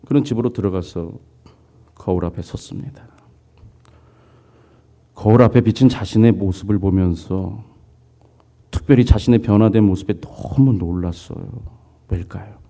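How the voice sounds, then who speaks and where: A man's voice: on the low side, normal speed, pauses often. A man preaching a sermon as pastor, telling a story, putting on voices for its people and asking the congregation questions. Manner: lively storytelling, voicing characters, asks congregation questions.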